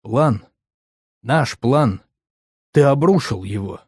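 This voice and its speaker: A man's voice: mid-range voice, animated, slow pace, slightly rough, dry recording, clean studio sound, exaggerated voice. A man voicing a stern, reproachful comrade. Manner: quiet, reproachful.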